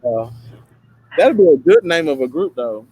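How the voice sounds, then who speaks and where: A man from East Tennessee with an Appalachian twang, co-hosting a talk show in a casual, folksy, halting way and often correcting himself. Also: on the high side, lively intonation, dark tone, breathy edge, no echo, rough recording. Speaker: show co-host.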